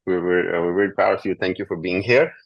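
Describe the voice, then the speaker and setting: A man moderating an online panel with informal introductions, speaking in halting, hesitant phrases. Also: low voice, gravelly, highs cut off. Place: online video call.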